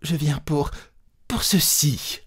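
A man's voice: on the high side, lively intonation, measured pace, darkish tone, pitched above the performer's own voice. A man voicing a timid, flustered middle-aged woman who speaks in a small, stammering voice.

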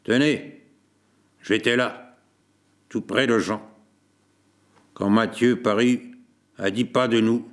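A man voicing a tired, sickly Corsican man who speaks in a slow monotone in a storybook reading. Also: mid-range voice. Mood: resigned. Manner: slow monotone, dragging words. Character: weary Corsican man, consumptive, placid.

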